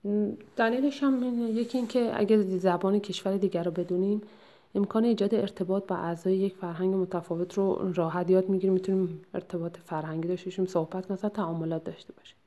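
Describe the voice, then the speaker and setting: A woman giving a lecture that summarizes a textbook chapter, explaining at a measured pace and often pausing to hesitate or correct herself. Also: mid-range voice, steady tone, warm tone.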